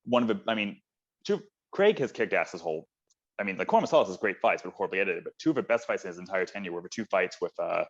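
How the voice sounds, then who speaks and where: A man's voice: low voice, expressive, quick pace. A man co-hosting a casual film chat, talking enthusiastically and rambling with lots of fillers. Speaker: podcast co-host. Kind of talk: casual chat about films. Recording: dull lo-fi audio.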